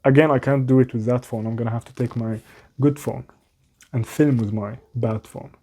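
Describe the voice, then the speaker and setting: A young man with a clear foreign accent talks in English, his mid-range voice mellow and relaxed at a moderate pace. Filming a casual vlog in a small room at home, he rambles candidly to the camera, mocks himself, and keeps restarting his sentences.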